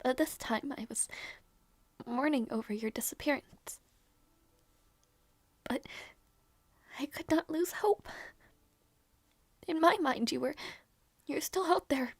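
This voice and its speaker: Grieving loyal young princess for audio roleplay, played by a woman: slow, halting, intense, close dry sound. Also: sits high, no echo. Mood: mournful, subdued reflection. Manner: halting, repeating words, emotionally intense. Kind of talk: dramatic audio roleplay acting.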